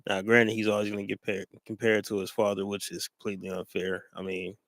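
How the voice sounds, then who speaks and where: A man's voice: fairly low pitch, completely flat delivery, fairly quick, a bit bright, dry recording. A man co-hosting a sports talk show, speaking casually and rambling with many fillers and restarts.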